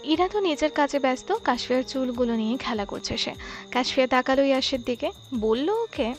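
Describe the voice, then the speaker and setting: A woman narrating a romantic audio story in a soft, steady storytelling voice. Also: sits high, fairly quick, faint music behind. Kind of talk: scripted narration.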